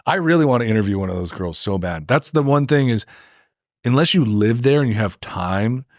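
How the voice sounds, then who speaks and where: An American man co-hosts a podcast in a casual chat, his medium-pitched voice animated and brisk. He rambles through opinions and anecdotes, leans on fillers, and acts out imagined remarks. The studio-quality recording has no echo.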